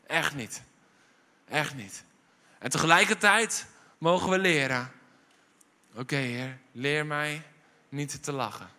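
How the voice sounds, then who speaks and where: A Dutch-accented male pastor delivers an evening sermon in a church service. His voice is bright and fairly high, and he drives his points home by repeating lines. He drops to a hushed intensity and then rises to urgent emphasis. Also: slow, pauses often. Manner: emphatic preaching with repeated refrains; swings from low intensity to raised, urgent delivery.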